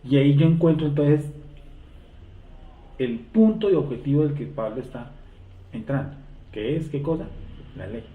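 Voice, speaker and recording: A man leads a Bible class with a fairly high voice, often asking a question and answering it himself. He sounds far from the mic in an echoey room. The sound is tinny, like a phone line. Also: animated, normal speed, pauses often. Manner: asks the class rhetorical questions and answers them. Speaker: Bible teacher.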